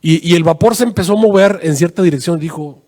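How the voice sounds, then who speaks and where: Man, pastor, animated sermon storytelling, long church reverb. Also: fast talker. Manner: animated, rising to high pitch in quoted prayers, many fillers "este".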